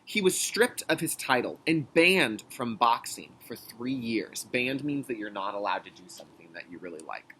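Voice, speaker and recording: This kindergarten teacher, a man, leads young children through a read-aloud, articulating deliberately in an instructional style. He speaks at a medium pitch, animated and with a sharp tone, on a rough recording that carries a little hiss or hum.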